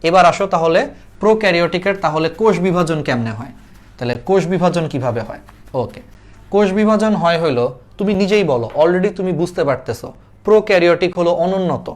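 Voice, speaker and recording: A man's voice: sits high, lively intonation, fast talker. A young man teaching an online biology class in a chatty way, repeating key points and asking them back as quiz questions. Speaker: biology tutor.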